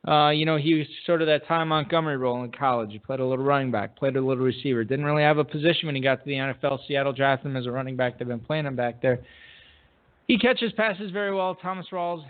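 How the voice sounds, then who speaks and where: A man co-hosting a podcast, chatting casually and reading listener emails aloud with a relaxed, bantering manner. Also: mid-range voice, fast talker. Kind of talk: casual chat. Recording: phone-like narrow sound.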